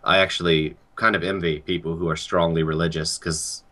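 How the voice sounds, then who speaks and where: A young man talking calmly and earnestly about life and worry in a casual chat. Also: deep voice, a little fast. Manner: calm, earnest, reflective. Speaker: guest.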